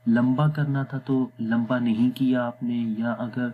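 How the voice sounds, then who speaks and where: Male tutor, patient lesson, mid pitch, sounds out words slowly, light hum behind. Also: flat delivery, phone-quality sound. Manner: patient, repeats "theek hai?" to check understanding; slows down to sound out Arabic words. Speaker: Quran recitation teacher. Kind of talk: explanatory lesson.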